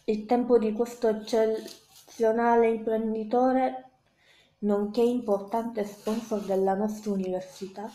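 Slow, halting woman reading a novel aloud. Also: on the high side, flat delivery, dark tone. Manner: halting reading with frequent stumbles and restarts. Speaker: amateur reader. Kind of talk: first-person novel reading. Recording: echoey room.

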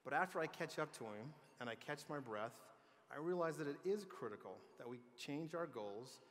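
A man's voice: fairly high pitch, lively intonation, moderate pace, fairly bright tone. A man giving an earnest, plain-spoken keynote speech at a conference, with light joking asides. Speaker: transportation agency leader giving a conference speech. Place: large conference hall. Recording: long reverb of a big hall.

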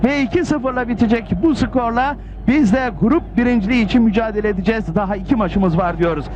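A man's voice: very high-pitched, quick pace. A man giving live football commentary, emotional and dramatic, repeating names and phrases. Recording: muffled, very noisy stadium broadcast, loud crowd.

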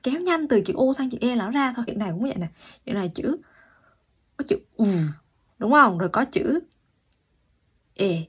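A woman language teacher giving an online pronunciation lesson, explaining patiently and repeating sounds slowly. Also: fairly high pitch, expressive, breathy edge.

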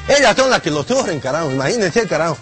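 Male comedian as an old delivery-room hand, high and animated, crude and rambling, faint music under. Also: fast talker. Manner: rambling, swears often, laughs at his own jokes. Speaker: comedian doing a character monologue. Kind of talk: comic character monologue to camera.

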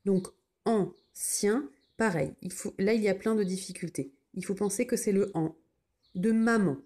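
Woman teacher, mellow tone, patient and slow, spelling words letter by letter for children. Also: mid-range voice, husky.

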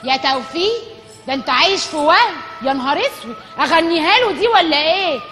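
An actress playing a fed-up, scolding Egyptian wife in broad TV sketch comedy. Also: female voice, high voice, animated, fairly quick, bright, forceful tone, in a large hall, faint music behind.

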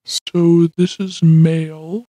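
Deep slow morphing voice changer robot-monster, a woman talking through it. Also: flat delivery, dark tone. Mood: demoing. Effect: voice changer lowering pitch into male, robot, monster and elder voices.

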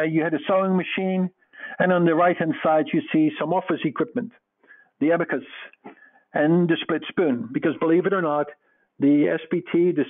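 Middle-aged Dutch man, webinar presenter, slightly high voice, earnest with fillers, tinny phone-quality audio. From Netherlands. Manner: earnest, explanatory, many fillers. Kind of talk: webinar lecture over slides.

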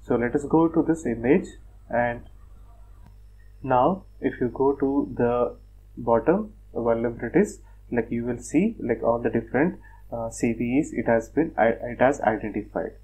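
A man presenting a screen-recorded software tutorial, talking step by step in a plain, methodical way with frequent fillers like "uh" and "like". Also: medium pitch, unhurried, breathy edge, low-quality recording. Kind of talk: screen-recorded technical walkthrough.

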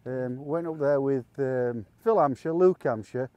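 A man's voice: medium pitch, measured pace, warm tone, no room sound, highs cut off. A man golfing with a friend, chatting and bantering in a dry, self-deprecating way out on the course. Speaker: mid-handicap golfer, regular guest. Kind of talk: casual banter. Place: outdoors on a golf course.

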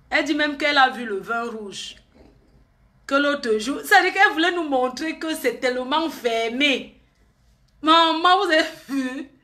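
A woman's voice: high-pitched, pushed and bright. A woman, chatting and gossiping on a live stream, teasing and often laughing.

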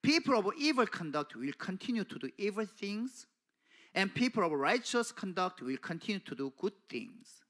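A middle-aged man preaching at a pulpit in a small church, speaking into a handheld mic, slow and emphatic, calling out "Amen?" to the congregation. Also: high voice, very animated, fairly bright tone. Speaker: pastor delivering an English translation of a sermon. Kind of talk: sermon. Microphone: handheld microphone at a pulpit.

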